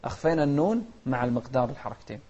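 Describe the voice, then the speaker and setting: A man teaching Quran recitation, who chants verses slowly and melodically and breaks off into rapid, quiet spoken explanations. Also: medium pitch, lively intonation, muffled recording. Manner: alternates slow melodic chanting with rapid soft corrective asides.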